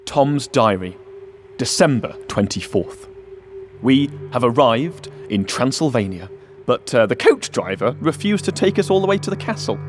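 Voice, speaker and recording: A man's voice: mid-range voice, very animated, normal speed, faint music behind, close to an everyday voice. An actor playing a dry, put-upon man narrating his diary in a scripted comedy. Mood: weary narrating. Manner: dry, sarcastic.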